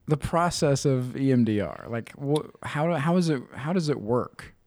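A man's voice: medium pitch, sing-song, normal speed, darkish tone, dry recording. A man co-hosting a casual podcast, asking curious questions and teasing his co-host. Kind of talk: casual chat.

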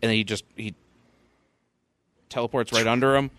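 A man co-hosting a podcast in casual chat, animated and swearing freely, often laughing. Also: mid-range voice, moderate pace, no room sound. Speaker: podcast co-host.

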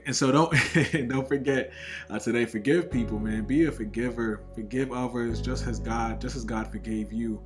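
A man hosting a podcast, talking casually and earnestly about faith and reading aloud from a journal and scripture. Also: mid-range voice. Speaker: podcast host.

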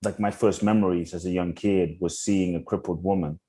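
A young adult man, a podcast guest from Ghana and London, telling his life story earnestly with slow, searching restarts. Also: deep voice, fairly even intonation, dark tone, breathy edge. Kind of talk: reflective interview storytelling.

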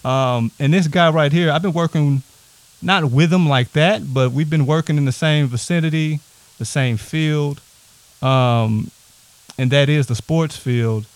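A man hosting a podcast from a house, talking loose and hyped with plenty of shout-outs. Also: fairly high pitch, unhurried, dry recording. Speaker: podcast host. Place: a house set up as a home studio.

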